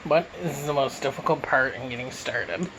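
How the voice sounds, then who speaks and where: A man's voice: mid-range voice, moderate pace, a bit bright, a little hiss or hum, low-quality recording. A man from Canada answering questions in a casual mukbang Q and A, talking with his mouth full as he eats, recorded on a phone. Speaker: YouTuber answering viewer questions.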